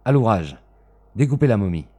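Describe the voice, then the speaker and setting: A man's voice: medium pitch, big pitch swings, normal speed, mellow, pitched above the performer's own voice. A man doing a cold, commanding avenger. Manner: curt, commanding, menacing.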